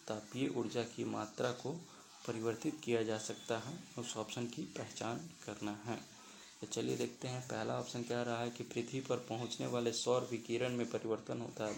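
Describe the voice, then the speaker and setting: A man's voice: medium pitch, gravelly, noisy background. A man teaching as he explains quiz questions and walks through each option step by step, slipping English terms into his talk. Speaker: exam-prep teacher.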